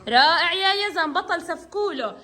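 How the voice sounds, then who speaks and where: A woman's voice: very high-pitched, expressive, brisk, bright, forceful tone. A woman teacher, leading children in a reading game and praising them often. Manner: encouraging, praising, calls on children by name. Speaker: kindergarten teacher. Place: classroom with children.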